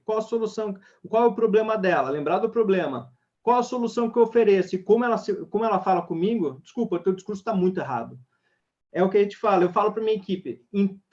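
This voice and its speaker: A man's voice: sits high, a little mellow. A man leading an online sales webinar, talking energetically straight to the audience. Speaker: sales trainer. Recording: dull lo-fi webinar audio.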